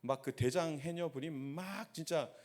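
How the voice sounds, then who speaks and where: A man's voice: a little high, a little slow, a little mellow. Korean man preaching a story-driven sermon. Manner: storytelling with rhetorical questions to the congregation. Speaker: pastor. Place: church sanctuary.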